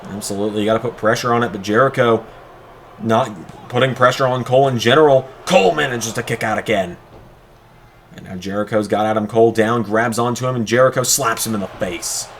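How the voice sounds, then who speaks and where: A man gives play-by-play in the manner of a wrestling commentator. His mid-pitched voice stretches out the calls of big moves with excitement. There is background noise under the recording. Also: fairly quick. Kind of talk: wrestling commentary of a video game match.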